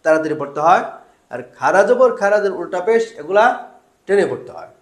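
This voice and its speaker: A man's voice: high voice, expressive, quick pace, roomy sound. A man teaching Quran reading step by step, asking questions, answering them himself and drawing out syllables. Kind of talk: step-by-step lesson.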